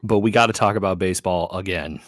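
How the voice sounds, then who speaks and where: A man with a very deep voice hosts a casual podcast chat. He rambles through stories in a loose, easygoing way, full of fillers. The sound is dry and close. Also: quick pace, no echo. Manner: rambling, laid-back storytelling with fillers and laughs. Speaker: podcast host.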